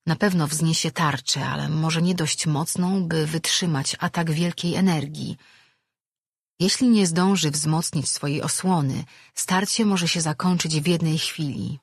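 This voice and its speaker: An audiobook narrator reading a fantasy novel with a steady, even delivery. The voice is husky and mid-pitched. It sounds close and dry. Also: no echo. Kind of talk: scripted narration.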